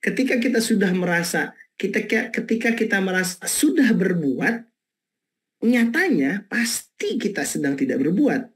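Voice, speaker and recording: A male Indonesian preacher delivering a sermon webinar with a husky, breathy voice. He shifts his pitch freely, telling stories and asking his listeners rhetorical questions. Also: normal speed. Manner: lively, storytelling, rhetorical questions.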